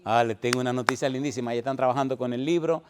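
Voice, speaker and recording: A middle-aged man preaching a sermon in an ordinary mid-pitched voice. He keeps asking the congregation the same questions over and over. At times he swells into loud, high, emphatic stretches. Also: very fast, crowd noise. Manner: repeated rhetorical questions to congregation. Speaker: pastor.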